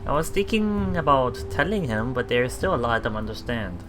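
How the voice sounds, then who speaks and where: With big pitch swings and a fairly quick pace, this mid-range-voiced host offers casual, hesitant commentary on a visual novel while reading and translating its dialogue. The game's background music, featuring guitar, plays underneath.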